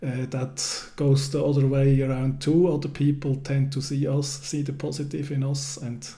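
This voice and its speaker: Mellow-voiced man hosting an interview. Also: mid-range voice, little pitch movement, normal speed. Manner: hesitant, with many ums and restarts, encouraging. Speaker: host. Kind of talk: casual interview chat.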